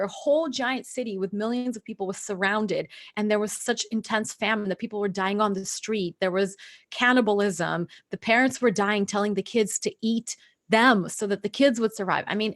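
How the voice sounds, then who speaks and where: A Russian woman, a native Russian speaker who works as a mindset coach, speaks unscripted to a live audience in a confiding, earnest manner. Her voice is medium-pitched and slightly bright, and she sometimes halts or draws out words for emphasis.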